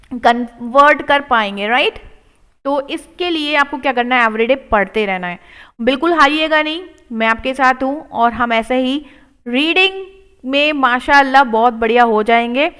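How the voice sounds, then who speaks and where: An Indian woman teaching English spelling, slowly repeating each word twice and encouraging her students. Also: sits high, sharp tone, clean tone. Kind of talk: spelling and reading lesson.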